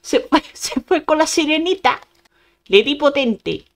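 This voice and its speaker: Girl gaming, goofy shouts and sound effects, high bouncy voice. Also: animated, measured pace. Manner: playful, bursts of exclamations and sound effects. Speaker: gaming youtuber. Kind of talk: casual gameplay commentary.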